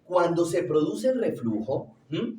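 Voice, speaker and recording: A man's voice: on the high side, big pitch swings, measured pace, darkish tone, a little hiss or hum. Man lecturing in an echoey classroom. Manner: asks the class questions and answers them himself. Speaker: teacher. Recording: roomy echo, distant from the mic.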